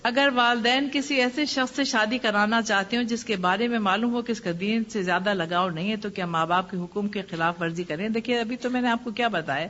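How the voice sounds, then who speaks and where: A woman religious teacher giving a lecture and answering questions, advising gently through personal stories. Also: medium pitch, hardly any pauses. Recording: muffled lo-fi with faint hiss.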